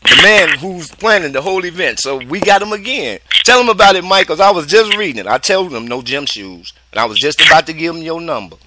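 A man hosting a casual radio show, animated and slangy, repeating himself as he talks to listeners. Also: fairly high pitch, brisk, few pauses, very noisy. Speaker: radio DJ host.

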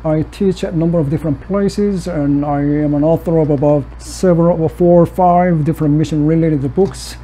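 Man, high dark voice. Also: fairly even intonation, slight background noise, low-quality recording. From South Korea. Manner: measured, reads prepared text with occasional restarts. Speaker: missiologist lecturer. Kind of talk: academic conference presentation.

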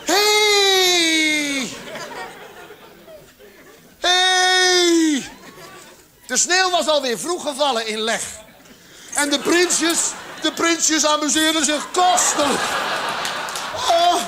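High-voiced male cabaret comedian on stage. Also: a little slow, a faint crowd. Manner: acts out characters with exaggerated shouts. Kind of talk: stand-up cabaret monologue. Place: theatre stage with live audience. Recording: live theatre recording, audience laughter, background noise.

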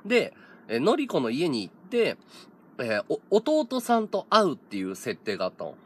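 A man's voice: on the high side, wildly swooping pitch, moderate pace, husky. A man in his thirties, a streamer, telling a story in casual chat, laughing often and acting out other people's lines. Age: 30s.

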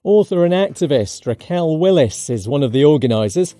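A man's voice: fairly high pitch, lively intonation, dark tone, dry recording. Upbeat man reading news, dry studio. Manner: brisk, upbeat and cheeky. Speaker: news podcast host. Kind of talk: scripted news read. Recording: dry studio read over light music.

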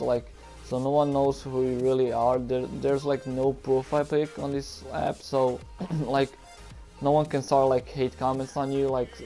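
A young Croatian man with a Croatian accent, a gaming YouTuber, hosts a casual Q and A over game footage. His mid-range voice is a little mellow, and he sounds hesitant and nervous, filling his speech with many ums and likes.

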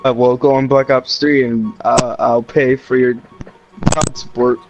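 A man's voice: mid-range voice, flat delivery, a little slow, lo-fi sound. A young man chatting casually and jokingly while playing an online game. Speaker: gamer. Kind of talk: casual joking chat during online gaming. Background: music.

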